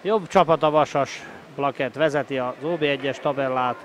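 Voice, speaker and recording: A man giving excited, openly partisan live play-by-play sports commentary as he roots for his team. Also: medium pitch, a crowd in the background. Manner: excited, breaking into shouted goal calls. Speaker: sports commentator of a water polo match. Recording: noisy live sports venue ambience.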